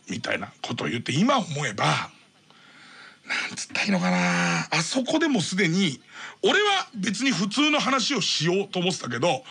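A man's voice: high-pitched, gravelly, sharp tone, husky. A man in his thirties hosting late-night radio, telling a comic story in a rambling, self-mocking way and laughing as he talks. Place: radio studio. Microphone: studio microphone. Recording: old cassette or MD radio recording.

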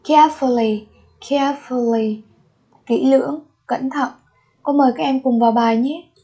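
A woman teaches an English vocabulary lesson in a high, steady, dark-toned voice, and the recording sounds muffled. Each word is spoken slowly twice, then explained.

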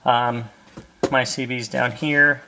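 This is the host of a car accessory install video, a middle-aged American man giving an easygoing tutorial while his hands stay busy inside a parked car. His medium-pitched voice is level, slow, pushed and bright. The low-quality recording carries faint background noise and clicks.

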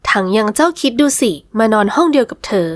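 A woman's voice: on the high side, lively intonation, fast, no echo. Woman narrating an audio romance, dry sound. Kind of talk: scripted audio-novel narration.

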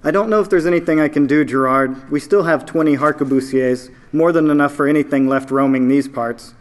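A man reading aloud, voicing a kindly male soldier who speaks gently and apologetically. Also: on the high side, a little fast, natural voice. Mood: gentle.

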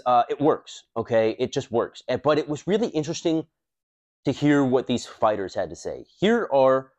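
A man in his thirties hosting a self-defense channel, talking casually and bluntly to camera with lots of fillers and swearing, recorded on a lapel mic in a high-rise room. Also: a little mellow, dull audio.

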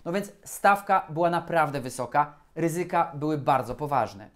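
A man, a lawyer, giving a scripted educational talk on procurement law in a formal, measured and deliberate way. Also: a little high, animated, a bit bright.

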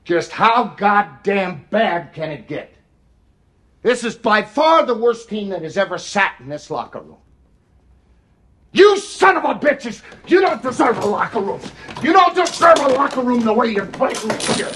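An actor playing an exasperated middle-aged college basketball coach, giving a profane locker-room pep speech that swings from weary muttering to furious shouting. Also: male voice, high voice, very animated, measured pace, a little hiss or hum, full character voice. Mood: furious, berating. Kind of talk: halftime-style locker room pep speech, film acting.

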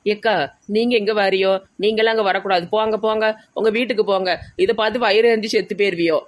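Bossy Tirunelveli woman, mid-pitched. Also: fairly even intonation, fast, no room sound. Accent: Tirunelveli Tamil. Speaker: comedy sketch actor. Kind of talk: slapstick village comedy skit.

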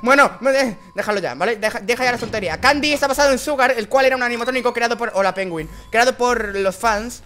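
Man, Spain accent, high reedy voice, bright cutting tone, horror game commentary, constant swearing, sudden screams. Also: quick pace, hardly any pauses, soft background music. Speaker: gameplay commentator.

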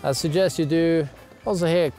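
A man's voice: on the high side, fairly even intonation, moderate pace, warm tone. A young man giving a casual ski lesson to camera, outdoors on a mountain. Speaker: ski instructor. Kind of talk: casual instructional talk to camera. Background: music.

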